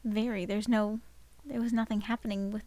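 A woman co-hosting a podcast in casual chat, relaxed, with short replies and lots of "mm-hmm". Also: medium pitch, moderate pace, dry recording. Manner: relaxed, brief replies and back-channel "mm-hmm"s. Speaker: podcast co-host.

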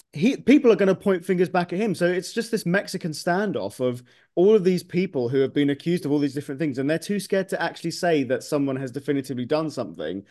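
A man's voice: fairly high pitch, darkish tone. A man hosting a football podcast, chatting casually and animatedly with strong opinions. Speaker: podcast host.

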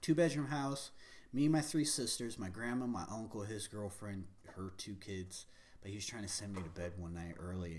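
A man's voice: fairly low pitch, normal speed, a little mellow. An American man from the Pacific Northwest telling personal stories in casual conversation, candid, slangy and profane. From United States, Pacific Northwest. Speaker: guest.

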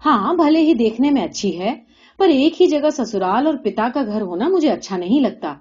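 A young male student, impatient and dismissive, waving things away, as a woman reader gives him voice. The voice stays fairly high and mellow. The recording is muffled and lo-fi. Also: expressive, breathy edge. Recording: dull lo-fi recording.

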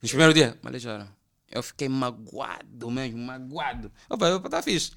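A young man from Angola with an Angolan Portuguese accent, telling animated, slangy stories as a podcast guest. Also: medium pitch, normal speed, gravelly. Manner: animated, slangy, acts out quoted voices. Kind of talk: casual storytelling chat.

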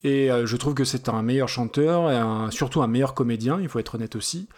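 A man's voice: medium pitch, brisk, darkish tone. A man co-hosting a casual music podcast, talking hesitantly with many fillers as he praises a singer. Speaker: podcast co-host. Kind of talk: casual chat about music.

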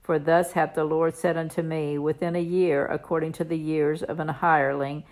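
A woman reading the Bible aloud in a solemn, measured, declamatory way, in archaic King James wording. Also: sits low, level tone, darkish tone. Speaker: scripture reader.

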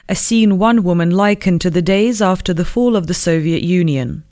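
A woman presenting a radio program, reading scripted news narration in a measured, formal way. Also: on the low side, a little mellow.

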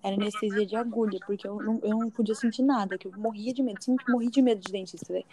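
A young woman from chats with friends at a fast pace. Her voice is mellow and relaxed, and she tells her story in a casual, talkative way. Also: medium pitch. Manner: quick and chatty, uses velho and tipo.

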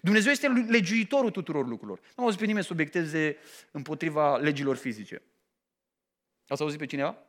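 Lively high-pitched preaching man. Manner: animated, emphatic preaching with rhetorical questions. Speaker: pastor. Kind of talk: sermon.

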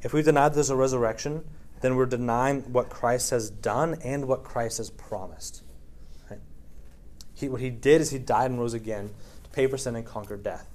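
A man's voice: mid-range voice, fairly even intonation, normal speed, darkish tone. Man, preacher, casual Bible study talk, frequent "right?" check-ins, lots of ums. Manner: frequent fillers, reads scripture aloud. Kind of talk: conversational sermon.

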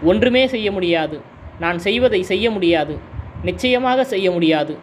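A man voicing a sly scheming man who calmly taunts a simpleton in a read-aloud story. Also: high voice, unhurried, slight background noise. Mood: taunting.

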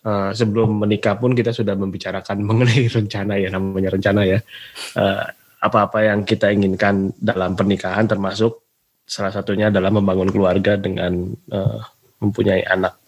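A man in his forties, from Indonesia, a podcast guest speaking slowly and hesitantly with many fillers. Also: lowish voice, little pitch movement, breathy edge. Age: 40s. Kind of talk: casual conversation.

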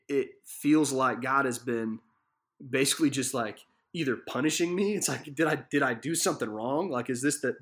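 A man's voice: mid-range voice, fairly bright tone. A man giving a casual devotional Bible teaching from a living room, telling the story vividly and earnestly, with many fillers and restarts.

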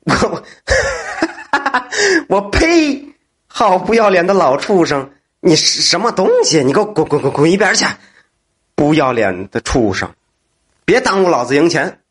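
A man voicing a reckless, hot-tempered gambler who shouts and stammers, with a husky voice. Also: medium pitch, sing-song, moderate pace. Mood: angry shouting.

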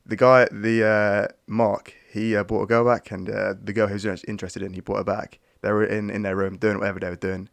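Young guy, low and gravelly, laid-back slangy storyteller on a dry podcast mic. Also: flat delivery, a little fast, hardly any pauses, no room sound. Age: young adult. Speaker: podcast co-host. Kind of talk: casual chat.

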